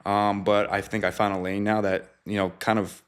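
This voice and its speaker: A young adult man, a former football player turned trainer, answering interview questions in a relaxed, easygoing way. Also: on the low side, normal speed, clean tone.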